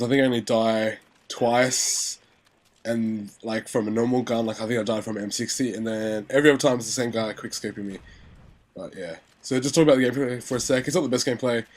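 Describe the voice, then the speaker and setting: A young man talks fast in a medium-pitched, steady voice while giving casual gaming commentary. He rambles with lots of fillers and restarts, and his nose is still stuffy and his voice a bit sore from being ill.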